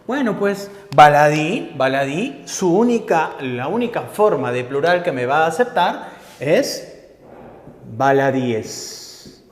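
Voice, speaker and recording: A man's voice: on the high side, very animated, unhurried. A man teaching a grammar lesson, explaining patiently and checking in with his listeners. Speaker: language teacher. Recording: echoey room with long reverb.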